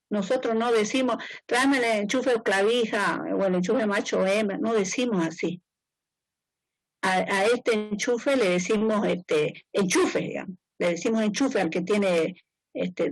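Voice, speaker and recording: This classroom lecture comes from a woman engineer with a mid-range voice who explains casually, restates her points and often checks in with students. The recording is dry and rough.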